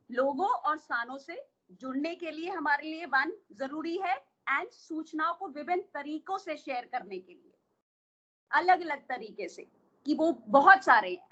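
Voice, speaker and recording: A woman's voice: high voice, bright, forceful tone, muffled recording. A woman coach with an Indian accent teaching an online workshop, explaining patiently and asking the listeners questions.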